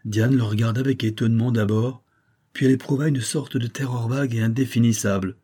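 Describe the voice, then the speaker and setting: A man giving a measured, even narration of a novel as an audiobook reader. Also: mid-range voice, breathy edge. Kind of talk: scripted narration.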